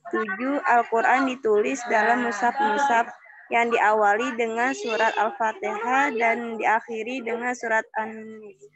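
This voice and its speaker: A female student reads numbered points aloud steadily, pausing to fix a slip. Her voice sits a little high. The audio is dull and lo-fi. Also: steady tone, crowd noise. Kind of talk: reading a summary aloud.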